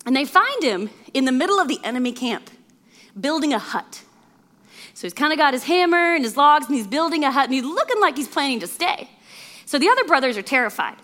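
A woman preacher with a high, bright voice tells a parable to her congregation, her pitch leaping up and down as she goes. She keeps the story moving with lively asides and frequent little chuckles. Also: brisk. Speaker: guest preacher. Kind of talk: storytelling sermon.

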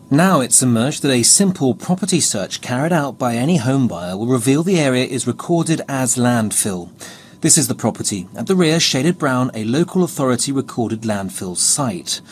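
A man's voice: mid-range voice, slight background noise. A man delivering a scripted television news report as a reporter.

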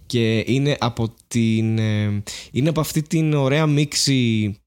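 A man, chatting casually as a podcast co-host, rambling and animated, with many fillers and restarts. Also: medium pitch, clean tone. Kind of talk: casual chat.

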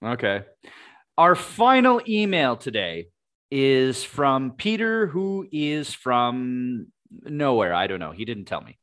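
A man co-hosting a podcast in casual chat, reading listener emails in a dry, deadpan way and tripping over words. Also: mid-range voice, slow.

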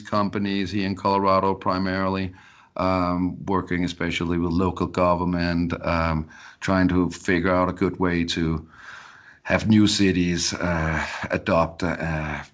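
A man from Denmark, a podcast guest, talking casually and often repeating words as he restarts sentences. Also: sits low. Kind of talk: casual interview talk. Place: Colorado.

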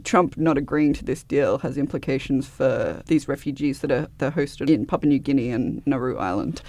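A man guest on a discussion podcast, talking in a relaxed, easygoing way and laughing often. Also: mid-range voice, normal speed, dry recording. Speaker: guest journalist. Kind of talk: casual discussion.

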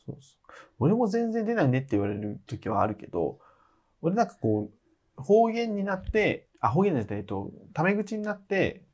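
Lively, laughing man. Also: sits high, moderate pace. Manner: laughs often, animated and teasing. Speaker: podcast co-host. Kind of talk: casual chat.

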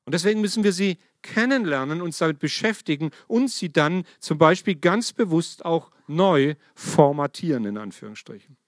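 A middle-aged man preaching a lively sermon, speaking directly to his congregation with emphatic, varied delivery. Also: a little high, moderate pace, dry recording, clean studio sound.

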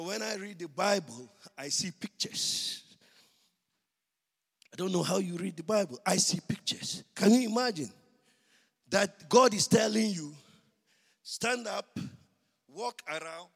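High-voiced pastor preaching in a hall. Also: male voice, vocal fry, breathy edge. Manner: slow, drawn-out preaching that builds to shouting. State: out of breath. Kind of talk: sermon. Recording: long hall reverb.

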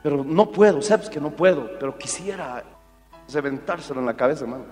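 A male pastor preaching a sermon in an animated storytelling way, acting out what people said. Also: on the high side, fairly quick. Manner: animated storytelling, acts out quotes. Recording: reverberant hall with faint music.

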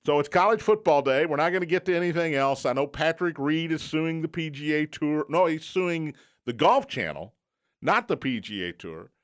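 A man's voice: fairly high pitch, expressive, moderate pace. Male sports radio host, punchy announcer delivery. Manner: joking, self-deprecating. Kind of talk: sports talk radio with live sponsor reads. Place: radio studio.

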